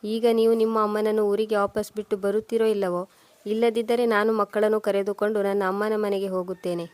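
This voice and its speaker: Angry young storybook wife, read by a woman; flat, dry delivery. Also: mid-range voice, fairly quick, dry recording, lightly acted. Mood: resentful.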